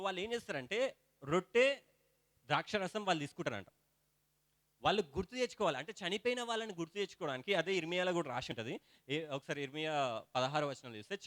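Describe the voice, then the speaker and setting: High-voiced preacher, dry sound. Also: male voice, dry recording. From India. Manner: lively preaching, builds to loud "hallelujah" calls. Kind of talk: sermon.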